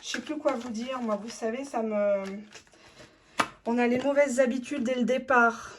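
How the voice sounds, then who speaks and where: A woman's voice: fairly high pitch, steady tone, normal speed, background noise. Blunt, cheeky French woman reading tarot. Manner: blunt, cheeky, talks straight to the viewer; reads the partner's thoughts aloud in first person. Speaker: tarot reader.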